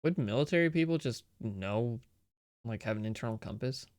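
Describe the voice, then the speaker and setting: A man's voice: medium pitch, animated, normal speed, a little mellow, no room sound, clean studio sound. A man running a tabletop game as game master, talking casually with fillers and laughs.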